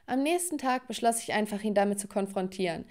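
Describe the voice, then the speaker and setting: A young woman narrating a dramatic first-person story for an animated video. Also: mid-range voice, fast talker.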